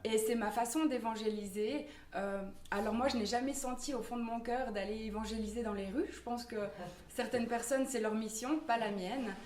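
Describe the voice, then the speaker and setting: A woman's voice: fairly high pitch, moderate pace, darkish tone, a little hiss or hum. A woman from Normandy giving a personal testimony in church, hesitant with many fillers and restarts. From Normandy, France. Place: church hall. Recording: echoey room from far off.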